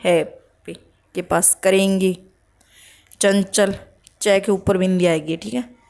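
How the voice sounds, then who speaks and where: A woman teaching spelling for an exam, slowly reading out word lists and checking with short asides. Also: medium pitch, darkish tone. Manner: slow, listing words one by one with "ठीक है" checks.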